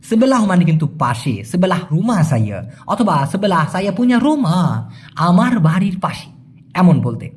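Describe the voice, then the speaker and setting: Lively-voiced Bangladeshi man teaching words. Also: high-pitched. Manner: repeats words slowly for pronunciation, addresses viewers as brother. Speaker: language teacher. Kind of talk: casual spoken language lesson.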